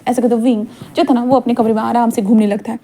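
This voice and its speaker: A woman's voice: a little high, flat delivery, fast talker, warm tone. A woman narrating a fan-fiction story in a casual, rambling, chatty way, often correcting herself.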